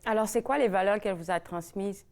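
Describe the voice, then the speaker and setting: A woman's voice: mid-range voice, a little fast, darkish tone. A woman with a Québécois accent hosting a TV talk show, asking questions informally and tagging her sentences with "là". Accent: Québécois French. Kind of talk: casual TV interview.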